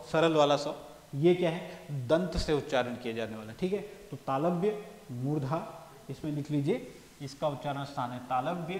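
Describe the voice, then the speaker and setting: A man teaching a lesson on a board, explaining step by step and often checking in with his listeners. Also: on the high side. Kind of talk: classroom lecture. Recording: echoey room, long reverb.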